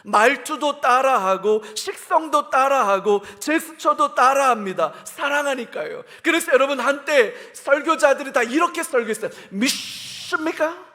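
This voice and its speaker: Pastor, man, bright forceful tone, preaches straight to his congregation with questions. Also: extremely high pitch. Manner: swings between loud emphatic bursts and hushed, whispered asides; addresses the congregation directly with questions. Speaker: senior pastor. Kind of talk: sermon.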